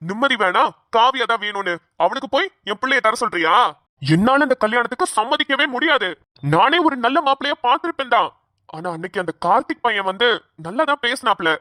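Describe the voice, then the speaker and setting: A woman's voice: on the high side, animated, brisk, bright, forceful tone, no echo, studio quality. A woman voicing a stern, stubborn father in a cartoon, who scolds and gives orders. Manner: scolding, bossy. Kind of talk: Tamil cartoon voice acting.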